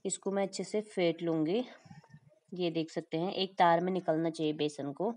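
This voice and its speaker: A woman's voice: fairly low pitch, fairly even intonation, moderate pace, darkish tone. A woman cooking vlogger chatting through a home recipe, addressing her viewers as friends. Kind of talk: casual recipe walkthrough voice-over. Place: home kitchen.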